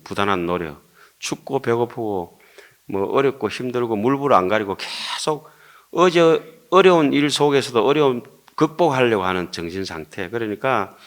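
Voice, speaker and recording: Older korean monk, thick gyeongsang accent, lowish voice, earnest dharma talk with rhetorical questions. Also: male voice, a bit bright. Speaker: Buddhist monk lecturer. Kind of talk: dharma lecture.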